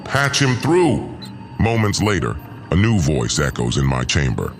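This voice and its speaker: A man with a very deep, wildly swooping voice plays a cold, vengeful usurper lord in a sci-fi audio drama, narrating his own schemes in first person and in dialogue. Unhurried, pompous, menacing, and gloating, it's a full character performance over soft background music.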